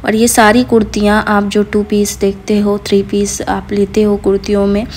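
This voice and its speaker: Casting: woman vlogger, friendly voice-over, flat pitch, faint background noise. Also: moderate pace. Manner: chatty, addresses viewers as guys. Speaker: vlogger touring a garment factory. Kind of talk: casual vlog narration. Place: voice-over recorded apart from the noisy factory.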